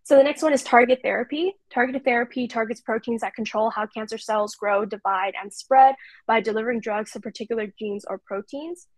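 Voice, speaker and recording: A woman in her twenties from California, presenting prepared slides on a video call in a steady, read-aloud way. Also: a little high, fairly quick, no echo. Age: 20s. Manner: clear, steady reading of prepared notes. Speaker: intern presenter.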